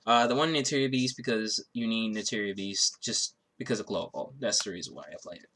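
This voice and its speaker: A slightly sick man with a stuffy nose and sore throat speaks fairly quickly in a lowish, slightly bright voice. He casually walks through a card game deck, rambling with lots of fillers and restarting often.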